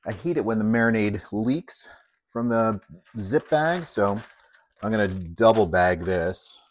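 A man calmly explaining how he marinates and grills chicken, step by step with plenty of fillers. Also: on the low side, a little slow. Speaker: home cook. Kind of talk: casual cooking demonstration. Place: outdoors at a grill.

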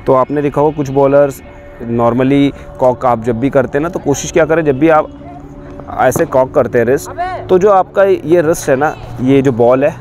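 Outdoors, with faint music in the background, a thirty-something cricket coach demonstrates a ball grip and talks through bowling grips step by step. His mid-range voice is a little mellow and moves at a normal speed, recorded on a lapel mic with the camera pointed at him.

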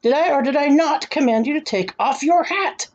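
A woman's voice: sits high, moderate pace, a little mellow, dull audio, pitched above the performer's own voice, natural voice. A woman voicing a pompous, angry, commanding storybook king. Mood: furious. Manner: imperious, demanding. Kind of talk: storybook character acting.

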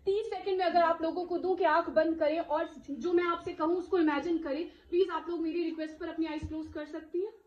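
A woman's voice: very high voice, steady tone, fast, few pauses, darkish tone, roomy sound, dull audio. A woman giving an impassioned religious talk to a live gathering of women, full of rhetorical questions and "isn't it?" asides. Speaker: Islamic speaker addressing a women's gathering.

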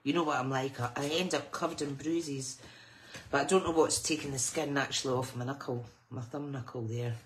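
Casting: woman craft host, deep voice, whistly s, rambling informal delivery, clear background noise. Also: steady tone, a little fast. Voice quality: whistling sibilant s sounds when speaking. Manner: informal, rambling, self-interrupting with small asides and sing-song filler. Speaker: host of a live papercraft class. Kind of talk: chatty live craft tutorial. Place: at a craft table indoors. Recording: clearly noisy with clicks.

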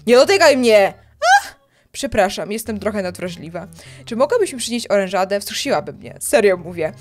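Woman doing a deadpan zombie girl. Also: medium pitch, fairly quick, soft background music, pitched below the performer's own voice, natural voice. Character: weary, oversensitive undead zombie girl, blunt.

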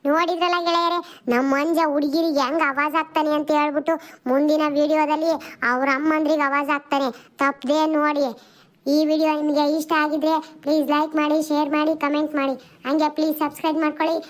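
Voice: high voice, level tone, fast talker. A channel host giving a friendly outro that speaks directly to viewers. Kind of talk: video outro narration.

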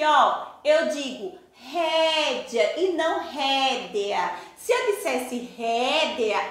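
A woman's voice: high voice, bright, forceful tone. A Brazilian woman teaching a primary school class. She explains patiently, step by step, and asks the children rhetorical questions. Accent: Brazilian Portuguese. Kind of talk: recorded class lesson. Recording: echoey room.

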